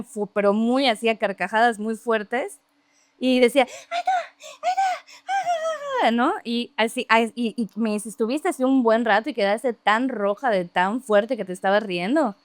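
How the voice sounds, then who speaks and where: Animated woman telling a story. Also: fairly high pitch, moderate pace, clean tone, no echo. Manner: animated, laughing often, mimicking voices. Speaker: podcast guest. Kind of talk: casual storytelling.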